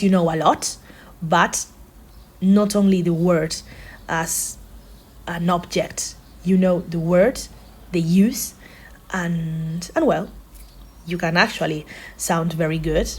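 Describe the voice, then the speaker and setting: A young native Spanish speaker from southern Spain teaches an informal English lesson, thinking aloud and rambling with lots of fillers. Her fairly low voice is husky and a little mellow, and she speaks slowly with frequent pauses.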